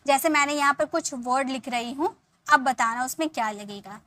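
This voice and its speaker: A woman teacher giving a spoken grammar lesson, explaining patiently, repeating examples and quizzing her viewers, drawing out English sentences slowly word by word. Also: high voice, pushed and bright.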